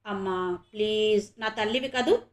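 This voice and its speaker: A woman's voice: high voice, steady tone, fairly quick, a bit bright. A woman doing a coaxing young daughter. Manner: coaxing, pleading.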